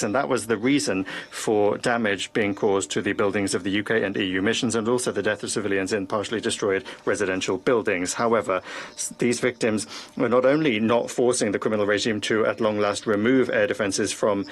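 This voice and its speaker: Man giving a translation voice-over. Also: lowish voice. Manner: measured, with occasional hesitations and restarts. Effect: translation voice-over of a speech. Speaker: interpreter. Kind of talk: simultaneous interpretation of a formal speech.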